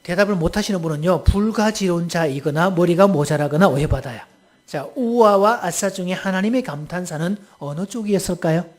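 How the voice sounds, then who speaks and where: Guy preaching, pretty high voice, jokey and keeps quizzing the crowd. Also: fairly quick, a little mellow. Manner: playful, quizzes the audience with questions. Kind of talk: humorous interactive sermon.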